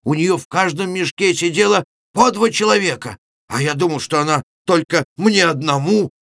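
A man reading aloud and voicing a gruff, boisterous middle-aged Cossack villager who exclaims loudly. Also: fairly high pitch, moderate pace, no room sound, clean studio sound, pitched above the performer's own voice. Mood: blustering. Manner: loud exclaiming, blustering.

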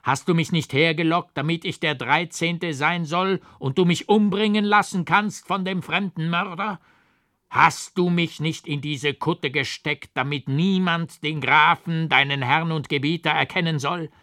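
A man voicing a furious, half-mad older monk who shouts curses, read as a dramatic audiobook. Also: on the high side, fairly even intonation, measured pace, no echo, clean studio sound, voice pushed up. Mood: furious shouting. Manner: shouting in fury. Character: raging mad older male monk, wild and threatening.

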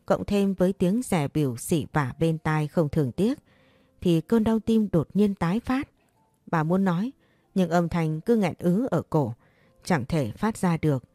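Warm low-voiced woman storyteller. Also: dry recording. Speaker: narrator. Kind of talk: scripted story narration.

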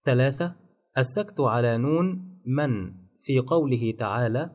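A man calmly narrating a lesson on Quran recitation rules, listing points one by one. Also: medium pitch. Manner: measured, enumerating rules point by point. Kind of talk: scripted instructional narration.

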